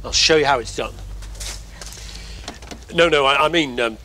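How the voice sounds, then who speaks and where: An actor playing a bumbling, overconfident sitcom dad who boasts and bluffs. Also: male voice, on the high side, normal speed, pushed and bright, a little hiss or hum. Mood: bluffing. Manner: boastful, blustering. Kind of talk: sitcom acting.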